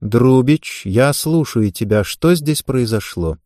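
A man reading the part of an imposing woman head coach who speaks with slow, icy authority. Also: mid-range voice, expressive, dark tone, no room sound, clean studio sound. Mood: cold.

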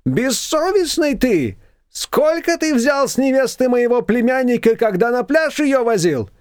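A man voicing a quarrelsome older female shop owner who scolds in shrill tirades. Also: very animated, a little slow, smooth, no room sound, clean studio sound, heavily acted. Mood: scolding.

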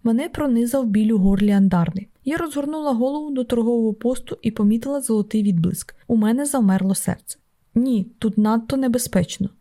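A woman narrating an audiobook in the first person, with steady, measured reading. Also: on the high side. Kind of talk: scripted narration.

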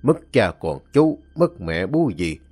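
A man's voice: lowish voice, sing-song, slow pace, darkish tone, slightly rough, exaggerated voice. A man voicing a stern, resolute elderly clan elder who speaks firmly and commandingly in a told story.

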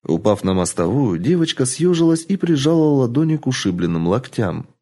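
Male narrator, dramatic audiobook reading, mellow and lively. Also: medium pitch, a little fast. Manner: expressive, dramatic storytelling.

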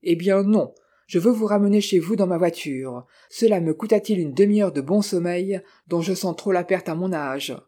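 A reader voicing a short, gruff older count who is brusque and scheming. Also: mid-range voice, moderate pace, dark tone, lightly acted. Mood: indignant.

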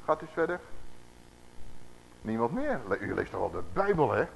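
A man preaching a sermon, slowing down and swelling on scripture quotes and putting questions to the congregation. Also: mid-range voice, sing-song, creaky, a little hiss or hum, poor audio.

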